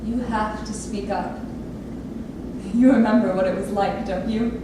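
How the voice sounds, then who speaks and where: In a staged play reading, an actress portrays the earnest, intense adult daughter of an abusive father, sounding quiet and pleading. Her mid-range voice is steady, unhurried and lightly acted. The theatre lab room with its audience area sounds very echoey and noisy, picked up by a distant mic.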